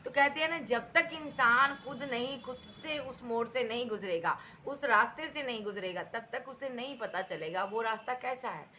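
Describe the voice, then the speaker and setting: A woman's voice: on the high side, moderate pace, hardly any pauses, pushed and bright, slight background noise. A woman giving a tarot reading, talking emphatically and repeating herself as she addresses the viewer directly. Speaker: tarot reader.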